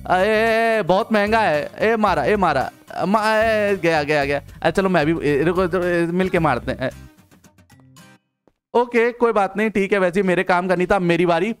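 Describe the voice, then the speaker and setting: Young male gaming host, high bright voice, playful and coaxing, soft music under the talk. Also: smooth. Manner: playful, coaxing, quick repeated interjections. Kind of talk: excited gameplay commentary.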